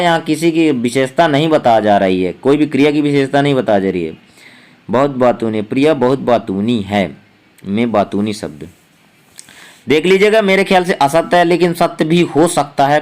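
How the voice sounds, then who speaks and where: A man's voice: a little high, smooth. A young man teaching, walking students through a school exam paper step by step with hesitant fillers. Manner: explains step by step, thinks aloud with fillers. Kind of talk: exam paper walkthrough lesson.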